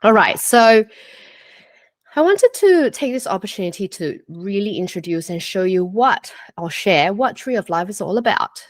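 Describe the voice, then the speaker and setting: Speaking through her computer mic on a video call, this woman from Singapore, in her forties, presents live as a health coach, earnest and conversational, with plenty of fillers and repeated "okay?" checks. Her mid-range voice has lively intonation and a moderate pace, and there's no echo.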